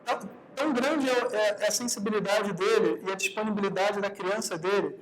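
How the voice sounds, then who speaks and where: A man's voice: sits high, brisk, background noise. A man teaching a live meditation workshop in a conversational way, often checking in with the audience and acting out short exchanges. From Brazil. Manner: conversational, often adds tag questions to the audience; acts out quoted dialogue in his own talk.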